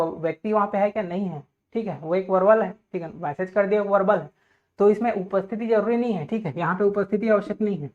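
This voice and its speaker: With tinny, phone-like audio, a man with a high voice teaches a classroom lecture, explaining points step by step and asking his students questions. He checks in with "okay" after almost every phrase, repeating "theek hai" constantly.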